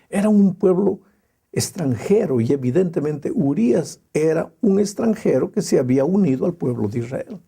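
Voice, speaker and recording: Male pastor preaching, dark mellow tone, big pitch swings, lots of dramatic pauses. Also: vocal fry, husky. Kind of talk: sermon.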